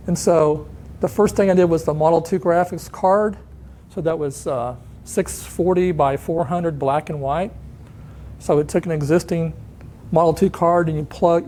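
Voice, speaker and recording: A man's voice: on the high side, dark tone, a little hiss or hum. A man in his sixties giving a conference talk, telling anecdotes and acting out the voices of the people he quotes. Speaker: conference speaker. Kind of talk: storytelling talk. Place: conference hall.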